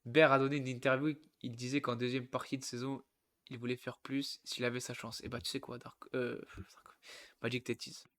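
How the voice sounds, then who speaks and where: Jokey French football streamer. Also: male voice, medium pitch, little pitch movement, normal speed, fairly bright tone. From Yonne, France. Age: over 25. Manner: jokey asides, reads aloud and interrupts himself. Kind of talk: casual livestream commentary.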